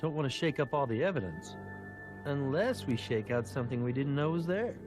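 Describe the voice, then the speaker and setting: Man playing a lively-pitched crime scene investigator. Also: fairly quick, lightly acted. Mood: businesslike. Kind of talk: video game voice acting. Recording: quiet game audio under clear music.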